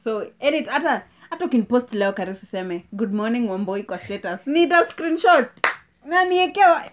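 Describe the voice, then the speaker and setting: A woman's voice: fairly high pitch, animated, a little fast. Playful young woman, lo-fi. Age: young adult. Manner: playful, laughs often, teasing. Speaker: co-host. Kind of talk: casual chat mixing English and Sheng. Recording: slightly dull lo-fi sound.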